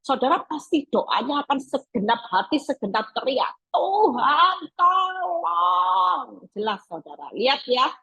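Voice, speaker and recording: A woman's voice: on the high side, big pitch swings, normal speed, hardly any pauses, a bit bright, husky, lo-fi sound. A woman evangelist preaching a sermon over a video call, emphatic and acting out pleading prayers.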